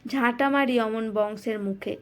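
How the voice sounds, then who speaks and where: A woman voicing a furious, sickly old mother-in-law who shouts threats while panting. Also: a little high, measured pace, lightly acted. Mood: scornful.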